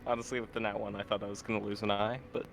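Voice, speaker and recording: A man's voice: lowish voice, flat delivery, rapid-fire, a little hiss or hum. A man playing a tabletop game, bantering casually between actions.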